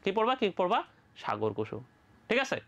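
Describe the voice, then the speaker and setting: A teacher from Bangladesh giving a lively medical admission biology lecture, repeating each question, answering it, and checking in with the students again and again. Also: medium pitch, a little fast. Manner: colloquial, playful asides.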